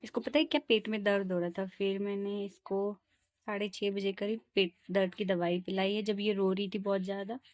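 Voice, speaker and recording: A woman's voice: mid-range voice, flat delivery, fairly quick, a little mellow, no echo. A young woman, a mother, talking casually to her viewers at home about her baby's nights, now and then cooing to the child. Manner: soothing sing-song coaxing to her baby. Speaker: mother vlogging her day. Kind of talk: casual home vlog talk.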